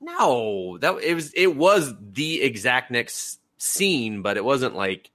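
A man's voice: mid-range voice, sing-song, slow pace, bright, forceful tone, no room sound. A man in his thirties hosting a podcast in casual chat, joking around and slipping into silly voices. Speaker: podcast host.

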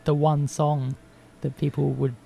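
A man's voice: fairly high pitch, level tone, unhurried, vocal fry, dark tone. A man co-hosting a podcast in casual conversation, with some noise in the recording. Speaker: podcast co-host. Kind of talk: casual chat.

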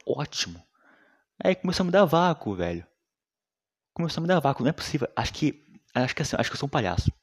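A young man rambling in a casual, slangy monologue full of swearing, often trailing off quietly. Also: mid-range voice, breathy edge.

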